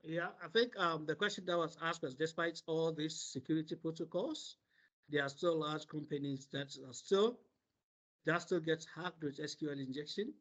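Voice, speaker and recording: A man moderating an online seminar over a video call, relaying questions and explaining in a halting way with many pauses. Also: on the high side, a bit bright. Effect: heard over a video call. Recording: dull lo-fi meeting audio.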